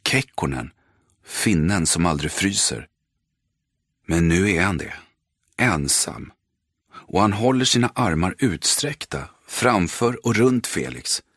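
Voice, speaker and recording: A man narrating an audiobook in measured, terse, dramatic sentences. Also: low-pitched, fairly bright tone, slightly rough, no room sound, clean studio sound. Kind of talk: scripted narration.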